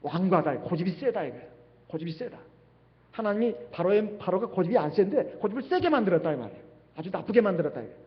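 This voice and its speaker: A man's voice: high-pitched, big pitch swings, fast. A man preaching a sermon as pastor in a church, asking rhetorical questions as he goes. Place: church sanctuary. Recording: dull livestream sound with long hall reverb.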